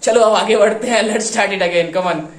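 A man hosting a music reaction video, talking with excitement and mixing Hindi with English slang. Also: high-pitched, unhurried, roomy sound, heavy background noise. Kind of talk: casual reaction commentary.

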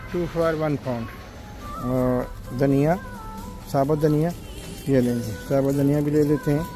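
A man, casually vlogging as he walks supermarket aisles and lists prices, peppering his talk with polite words. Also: a little high. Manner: chatty, lists prices, says "ji" and "janab". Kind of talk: casual shopping vlog walkthrough. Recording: noisy shop background.

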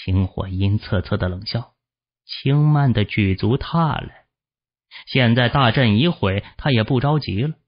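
A man narrating a fantasy novel as an audiobook, with expressive storytelling, in a dull lo-fi recording. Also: medium pitch, measured pace.

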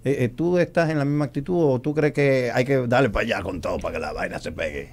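A man co-hosting a radio talk show, asking quick, animated questions. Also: mid-range voice. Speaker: radio co-host.

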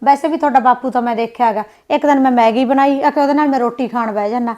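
In a short film, a woman with a Punjabi accent plays a young village wife who sulks, complains and snaps back with quick retorts. Her voice is a little high and mellow, and the sound is lo-fi.

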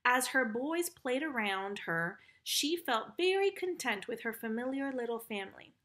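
Brief: woman storyteller, children's book, gentle, fairly high. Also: big pitch swings, moderate pace. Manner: warm, gentle, affectionate.

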